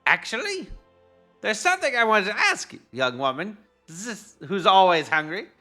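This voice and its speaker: A man voicing a pompous wandering male foodie chef, lofty and excitable, raising his voice well above his own. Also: sits high, moderate pace, soft background music, voice pushed up, exaggerated voice.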